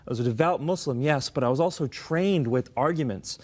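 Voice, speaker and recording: A man's voice: mid-range voice, brisk. A young adult man from the United States, a guest in an interview, telling his life story in an earnest, articulate way. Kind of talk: conversational interview.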